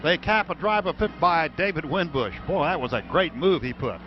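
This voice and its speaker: Expressive and fairly quick, a man with a voice on the high side calls live football for radio. He's working from the stadium broadcast booth, and the recording comes across as noisy and dull.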